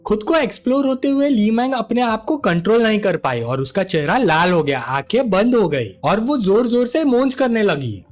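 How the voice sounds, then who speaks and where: A narrator telling a comic story recap in an animated storytelling manner. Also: medium pitch, normal speed, hardly any pauses, faint music behind.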